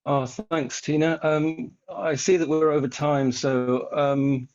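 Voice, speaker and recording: A man co-hosting an online talk, speaking in a measured way and circling back over his phrases. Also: a little high, steady tone, a little mellow. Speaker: series co-host. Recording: slightly dull video-call audio.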